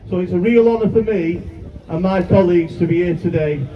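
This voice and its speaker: A man's voice: high voice, brisk, muffled recording, slight background noise. A local campaigner who is a man gives an earnest, plain-spoken speech to residents at an outdoor protest. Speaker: local campaigner speaking at a rally. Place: outdoors at a street demonstration. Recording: distant audio with crowd.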